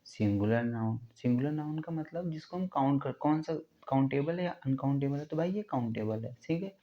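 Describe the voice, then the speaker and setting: A man teaching an English grammar lesson step by step, often asking his students whether it is clear and drawing out sounds slowly to show pronunciation. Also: mid-range voice, expressive, dull audio.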